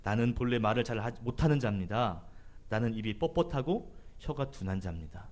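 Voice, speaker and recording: A man's voice: mid-range voice, animated, a little fast, darkish tone, lightly acted. A man voicing a doubting, self-pitying man who hesitantly pleads his excuses. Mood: pleading.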